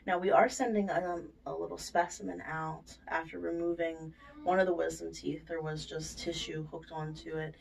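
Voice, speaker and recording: A woman's voice: low voice, little pitch movement, normal speed, creaky, darkish tone. A woman on dental surgery staff informally going over aftercare instructions step by step, often checking in as she explains. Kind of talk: informal spoken patient instructions. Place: indoors at a clinic. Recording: distant microphone, faint room noise.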